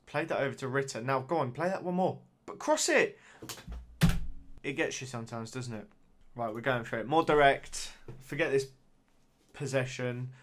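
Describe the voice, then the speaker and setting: A man's voice: medium pitch, fairly bright tone. Man musing over a football sim. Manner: musing, hesitant, with frequent fillers and restarts. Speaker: gaming YouTuber. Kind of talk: casual gameplay commentary.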